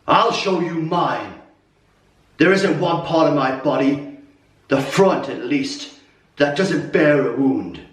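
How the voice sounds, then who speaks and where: An actor playing a proud, wounded warrior king who rebukes his troops in a slow, declamatory theatrical monologue with weighty pauses. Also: a little high. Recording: roomy echo, distant mic.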